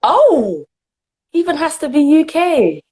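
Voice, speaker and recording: A young Jamaican woman, a guest in a casual interview, answers earnestly, laughing often, trailing off, and restarting. Her voice is high, very animated, slow, and slightly dark in tone.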